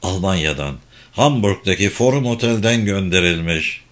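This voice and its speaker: A man voicing a calm, formal male intelligence officer giving a briefing in a spy audiobook. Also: low-pitched, moderate pace.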